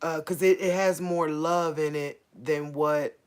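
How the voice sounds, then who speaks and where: Slow, halting woman sharing a faith message. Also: deep voice, fairly even intonation, a little mellow, clear, resonant tone. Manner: halting, searching for words, repeats herself. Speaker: faith livestream host. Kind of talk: casual spoken prophetic message to viewers.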